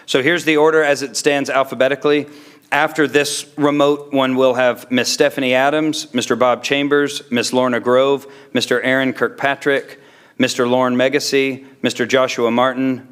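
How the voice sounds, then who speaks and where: Male meeting chair, mid-pitched, conversational and accommodating, informal procedural talk. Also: little pitch movement, moderate pace, a bit bright, smooth. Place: indoor council chamber, dais microphone.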